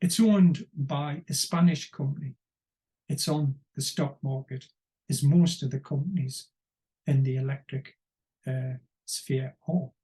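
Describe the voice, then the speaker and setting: A man giving unscripted political commentary, rambling and wry, often pausing to search for words. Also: mid-range voice, dark tone.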